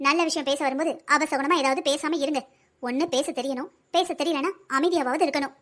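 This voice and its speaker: A fussy older wife and grandmother in a cartoon, voiced by a woman, speaking high and fast with a South Tamil Nadu accent. She pleads with and bosses her husband around in a rapid patter. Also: steady tone, fairly bright tone. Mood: pleading. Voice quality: pleading, busy, bossy. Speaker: voice actor in a family cartoon. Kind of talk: cartoon family comedy acting.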